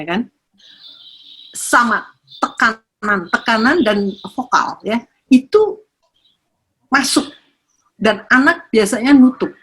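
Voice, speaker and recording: Older lady doing a parenting talk, kinda husky voice, animated, keeps asking the crowd stuff. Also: on the high side. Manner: animated, teasing, asks audience questions. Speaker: parenting speaker.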